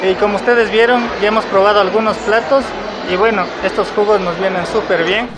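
A man's voice: high voice, steady tone, a little fast, low-quality recording. A man vlogging about food in a busy market, speaking through a face mask in an upbeat, chatty way. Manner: upbeat, chatty, recommends to viewers. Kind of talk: casual vlog narration to camera. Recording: loud music and crowd noise behind.

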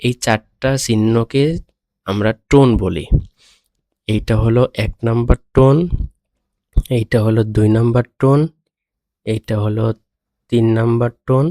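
A man with a Bangladeshi Bengali accent teaching a beginner language lesson, explaining slowly and checking in with "okay?" after each point. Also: medium pitch, fairly even intonation, dark tone, no room sound. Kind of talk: screen-recorded lesson explanation.

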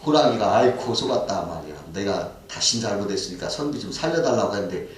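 A man's voice: fairly low pitch, animated, quick pace, a little hiss or hum. Distant, echoing sermon by a man. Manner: storytelling, asks the congregation questions. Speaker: pastor. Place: church sanctuary. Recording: echoey church hall, mic far off.

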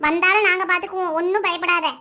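A woman doing a shrill fierce village woman. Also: steady tone, fast talker. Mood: consoling. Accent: Kanyakumari Tamil. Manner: loud scolding, threatening.

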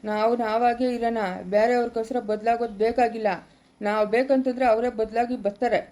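A reassuring parent, acted by a woman, consoles a crying daughter again and again. The voice is mellow and fairly high. The delivery is soothing and steady, as in an amateur family skit. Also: brisk, close to an everyday voice.

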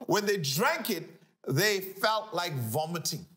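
A middle-aged man, a pastor, teaching scripture on a talk show in an animated, emphatic way, repeating key phrases. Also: high-pitched, slow pace. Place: living-room studio set, indoors.

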